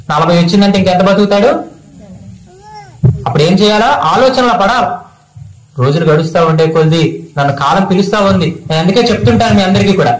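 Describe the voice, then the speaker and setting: High voiced indian guy giving a sermon to villagers, keeps asking the crowd stuff, echoey. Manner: preaching to a village gathering, asking the audience questions. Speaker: spiritual teacher. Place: village gathering.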